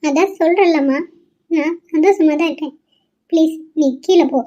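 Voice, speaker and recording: Cartoon: high-pitched, tearful young newlywed wife, voiced by a woman, with a mellow, pleading tone. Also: moderate pace, dull audio. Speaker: cartoon character voice. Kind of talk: cartoon voice acting.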